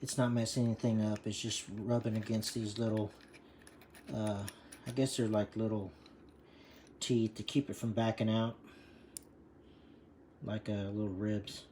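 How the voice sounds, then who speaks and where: Guy rambling thru a bike hub fix, low flat voice, kinda out of breath, faint room noise. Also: a little slow, long pauses. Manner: rambling, full of fillers. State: breathing hard from leaning over. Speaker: bike mechanic demonstrating a repair. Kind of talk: casual how-to video.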